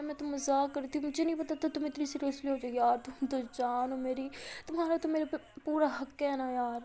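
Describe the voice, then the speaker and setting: A woman's voice: sits high, warm tone, voice pushed up. Alia, a woman voicing a tearful pleading girl. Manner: pleading, slow and repetitive.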